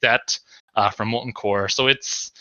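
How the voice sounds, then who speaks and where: A man's voice: lowish voice, fairly even intonation, a little slow, pushed and bright, no echo. A man co-hosting a casual podcast, explaining video game lore in detail with sarcastic, profane asides. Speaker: podcast co-host. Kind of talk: casual drunk podcast banter.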